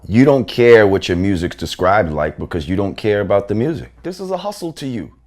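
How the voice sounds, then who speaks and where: Male interviewer, lively pitch, confrontational and accusing. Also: fairly quick.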